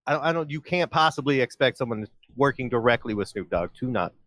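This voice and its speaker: A man hosting a casual podcast chat, making relaxed, wry asides. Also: medium pitch, fast. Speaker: podcast host.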